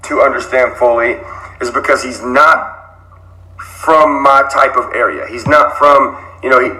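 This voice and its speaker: A man's voice: mid-range voice, unhurried, sharp tone, low-quality recording. A rapper talking casually in a video, earnest and blunt as he explains himself.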